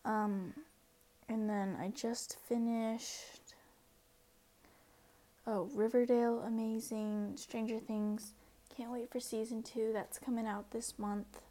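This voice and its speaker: A young woman from the United States hosting her first casual solo podcast, rambling and self-deprecating, sometimes dropping to a soft near-whisper. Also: a little high, level tone, slow, poor audio. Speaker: podcast host.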